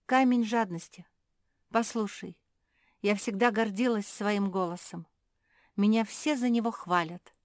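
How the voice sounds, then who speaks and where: A woman's voice: medium pitch, a little slow, no room sound, clean studio sound, close to an everyday voice. A woman voicing a small animal girl who is a proud, gifted singer, pleading earnestly in a storybook reading.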